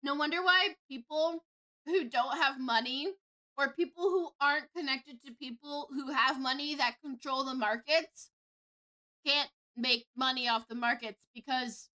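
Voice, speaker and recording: A woman livestreamer giving casual, expressive, slangy reaction commentary. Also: sits high, a little slow, rough recording. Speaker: reaction streamer.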